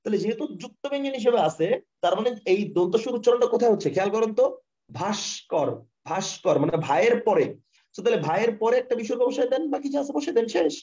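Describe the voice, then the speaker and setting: A man with a Bangladeshi Bengali accent teaching grammar in a live online class over a computer mic. He explains step by step, repeats himself and keeps asking students if the concept is clear. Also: extremely high pitch, lively intonation, quick pace, dark tone. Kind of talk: live online lesson with screen share. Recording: dull, lo-fi online class audio.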